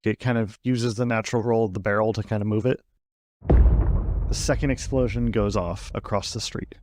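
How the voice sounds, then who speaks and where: A man's voice: lowish voice, steady tone, normal speed, background noise. A man running a tabletop game as game master, narrating scenes in a descriptive way.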